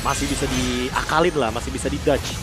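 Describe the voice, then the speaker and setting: A man's voice: mid-range voice, fairly even intonation, brisk, low-quality recording. A man with an Indonesian accent giving live esports commentary, wordy and analytical, mixing in English gaming terms. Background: music.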